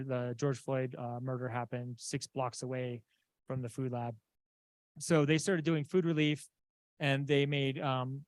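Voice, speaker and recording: A man from Southeast Alaska giving a conference slide talk, halting with many fillers and restarts. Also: mid-range voice, dry recording. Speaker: conference presenter. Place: conference room.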